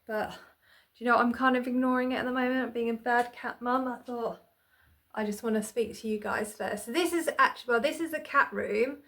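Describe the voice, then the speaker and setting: A woman's voice: fairly high pitch, steady tone, fairly quick, a bit bright. Chatty woman vlogging at home. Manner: rambling, chatty, self-deprecating with frequent "um" and restarts. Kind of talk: casual chatty vlog. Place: small home room, indoors. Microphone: phone camera on tripod.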